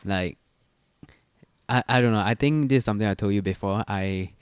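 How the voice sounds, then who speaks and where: A young man co-hosting a casual podcast, relaxed and joking, trailing off at the ends of lines. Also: fairly low pitch, moderate pace, smooth, no room sound. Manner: relaxed, joking, drops to a mumble at line ends. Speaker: podcast co-host. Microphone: studio podcast mic.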